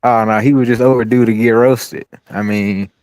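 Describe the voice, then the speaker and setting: A man's voice: medium pitch, fairly even intonation, moderate pace, darkish tone. A man on a livestream panel, talking in an easygoing, slangy way and laughing along. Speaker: panel caller. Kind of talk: casual chat.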